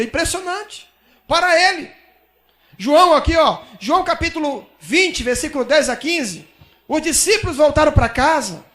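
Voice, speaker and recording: Brazilian male pastor, very high-pitched, sermon delivery with shouted peaks and hushed asides. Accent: Brazilian Portuguese. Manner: preaching with sudden shouted peaks and soft asides.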